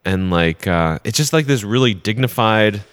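A man co-hosting a podcast in casual chat, telling stories with dry, deadpan jokes. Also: lowish voice, moderate pace, clear, resonant tone. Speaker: podcast co-host.

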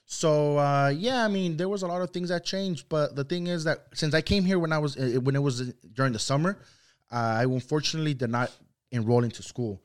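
His voice sits on the high side and moves briskly: a young Mexican man, Spanish his first language, chatting as a podcast guest in a loose, wandering way full of "like" and "you know."

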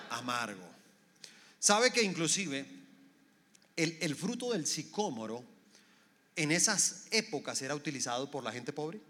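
A man preaching a sermon in a reverberant church hall. His voice sits fairly high and rings bright and forceful. He keeps checking in with the congregation through rhetorical questions. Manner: preaching with rhetorical questions, acting out quoted people. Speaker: pastor.

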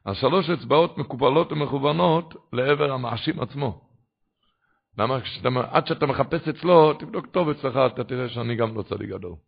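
Male preacher, fervent sermon delivery, raspy and husky voice, muffled lo-fi audio. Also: medium pitch. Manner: fervent, swings to loud exclamations. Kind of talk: Torah sermon. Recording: dull lo-fi recording.

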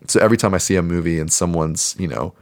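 A podcast co-host with a deep voice talks fast as he reviews a movie, rambling in a relaxed way and dropping in plenty of fillers. It's a casual chat about the film.

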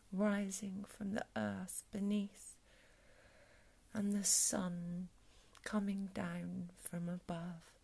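A woman with a soft, calm whisper, guiding a breathing meditation in a soothing ASMR style. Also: mid-range voice, vocal fry, breathy edge. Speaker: meditation guide.

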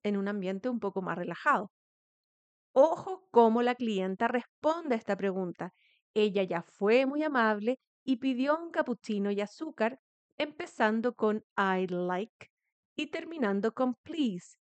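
A woman, a native Spanish speaker, hosting a pronunciation lesson podcast and leading slow repetition drills. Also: fairly high pitch, lively intonation, dry recording. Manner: slow, clear, instructive, leads repetition drills. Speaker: English teacher, podcast host.

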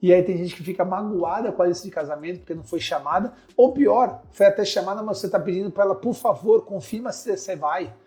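A man's voice: high-pitched, quick pace, few pauses, warm tone, soft background music. A Brazilian man hosting a podcast lesson, talking in a slangy way and firing off punchy rhetorical questions. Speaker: podcast host giving business advice.

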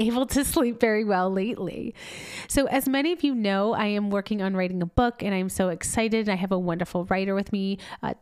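A woman's voice: mid-range voice, clean tone, no echo, studio quality. A middle-aged woman, a doctor, giving a chatty health talk while sounding congested and nasal, with asides and laughs. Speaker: doctor and health podcast host.

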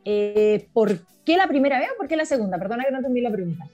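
A middle-aged woman from Argentina, a guest telling her life story in a relaxed, chatty way. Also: fairly high pitch, fast, lo-fi sound, faint music behind. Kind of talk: casual interview talk.

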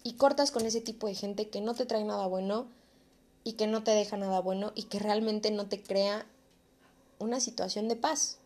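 A woman's voice: medium pitch, steady tone, normal speed, a little mellow. A young adult woman with a Mexican accent, talking in an earnest, encouraging, casual way in a reflective vlog monologue. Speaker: vlogger.

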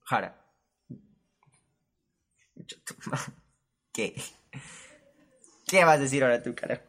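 Speaking slowly at medium pitch, a young Peruvian-accented man hosts a casual telling of a personal story. He's animated, uses crude slang and keeps jumping into quoted voices.

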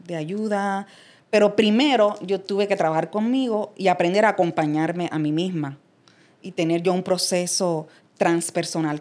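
A middle-aged woman from Cuba, a transpersonal coach and guest, talking in a casual interview and telling her story with lively asides and laughter. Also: on the low side. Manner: animated storytelling, acts out quoted voices, laughs often.

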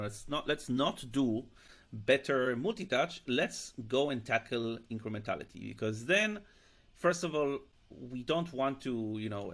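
A man's voice: fairly low pitch, creaky, a bit bright. A man guesting on a podcast, talking casually with a rusty morning voice and lots of fillers. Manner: chatty, joking, many fillers. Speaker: podcast guest, startup founder. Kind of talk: casual interview talk.

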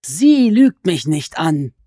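A woman voicing a sly, menacing male goblin who is a fanatically loyal servant, speaking in a slow, drawn-out, hissing way. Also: sits low, big pitch swings, dark tone, dry recording, clean studio sound, pitched above the performer's own voice, exaggerated voice. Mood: insistent, greedy.

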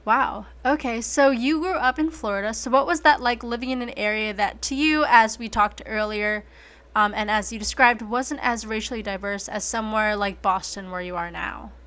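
A woman's voice: a little high, normal speed, a bit bright. A young woman in her twenties, from the United States, hosting a casual podcast interview in an upbeat, chatty way. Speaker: podcast host.

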